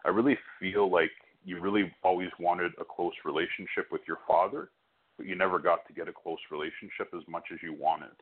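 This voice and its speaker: Muffled, band-limited audio carries a man with a low voice. He gives a psychic hotline reading in a reassuring manner, often seeking the listener's agreement. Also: fairly even intonation, brisk, slightly rough. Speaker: phone-in psychic medium.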